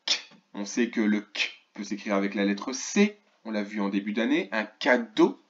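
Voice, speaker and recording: A man teaching a remote lesson to first graders, slowly and clearly sounding out words and asking the class questions. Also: on the low side, very animated, lo-fi sound, a little hiss or hum. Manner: slow, clearly articulated, stretches key words; asks questions of an absent class. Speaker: primary school teacher.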